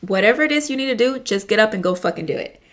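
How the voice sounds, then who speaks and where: A woman's voice: mid-range voice, lively intonation, rapid-fire. A woman hosting a casual motivational talk, rambling with lots of fillers and frequent swearing, often calling her listeners "you guys".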